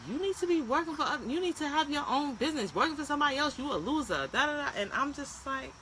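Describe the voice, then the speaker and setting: Outspoken woman cohost going off on a rant, noisy background. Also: sits high. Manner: frank and animated, rants with quick asides. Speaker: co-host. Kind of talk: casual live-stream chat.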